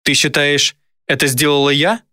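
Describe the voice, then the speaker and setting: Man playing a female demon, higher voice, pleading, despairing, audiobook scene. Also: normal speed, bright, forceful tone, slightly rough, no room sound, clean studio sound. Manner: pleading and desperate. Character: anguished female demon, fierce but tender protector.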